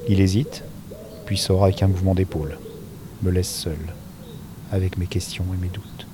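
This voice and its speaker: A man calmly reading a novel aloud outdoors, his voice dropping soft and quiet at the ends of phrases. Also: low-pitched, moderate pace, noisy background. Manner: calm, intimate narration with soft, quiet trailing endings. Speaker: reader. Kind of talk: audiobook-style reading of a novel. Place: outdoors in nature.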